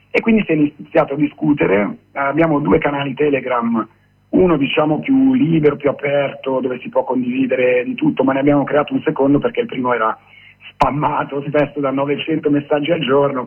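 Man on speakerphone, halting, gravelly voice, husky, tinny phone line. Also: medium pitch. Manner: halting, many pauses and fillers. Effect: on speakerphone over a phone line. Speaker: guest activist. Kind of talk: radio interview by phone.

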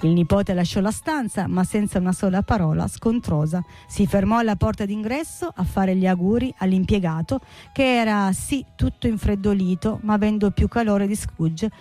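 Brief: woman narrator, measured storybook reading, faint music under. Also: medium pitch, warm tone. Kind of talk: storybook read-aloud.

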